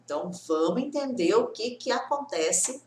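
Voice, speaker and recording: A woman's voice: on the high side, animated, roomy sound. A woman from Brazil teaching English in a casual online lesson, chatty and reassuring, often asking "tudo bem?". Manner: chatty, repeats reassuring tag questions; acts out students' complaints in quick bursts.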